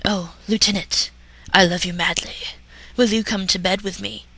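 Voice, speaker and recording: A woman's voice: mid-range voice, steady tone, moderate pace, bright, forceful tone, no room sound, rough recording. A woman voicing a smitten male starship captain with hammy, theatrical romancing in a parody story reading. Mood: ardent, courtly.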